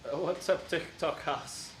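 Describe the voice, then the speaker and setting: A man's voice: a little high, unhurried, fairly bright tone, slight background noise. A man in casual chat, teasing his friend in loose, profane banter. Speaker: tattoo apprentice and podcast host. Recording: echoey room with music behind.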